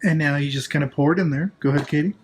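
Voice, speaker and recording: Casual male cooking host, slightly high voice, chatty and jokey, recorded amid kitchen noise. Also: rapid-fire. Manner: laid-back, chatty instruction with joking asides. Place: kitchen, at the stove and counter.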